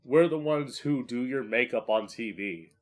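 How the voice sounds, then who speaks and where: A man's voice: medium pitch, lively intonation, moderate pace. A man who hosts a podcast as a drag queen, rambling solo in a campy, profane, self-mocking way. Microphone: podcast microphone, live streamed.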